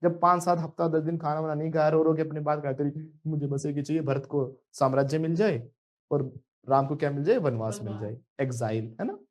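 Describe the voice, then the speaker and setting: Playful, fairly high-voiced male teacher. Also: brisk, a little mellow. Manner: playful and joking, calls on students by name, prompts repetition. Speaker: spoken English teacher. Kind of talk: live classroom teaching, mixing Hindi and English drills.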